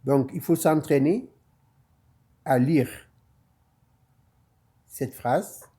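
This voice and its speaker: A man with a slightly raised pitch teaches Quran reading, taking his time over each letter. He repeats every point patiently and stretches the verse out when he recites it. The pace stays slow and careful throughout. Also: warm tone, husky. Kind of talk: slow step-by-step lesson.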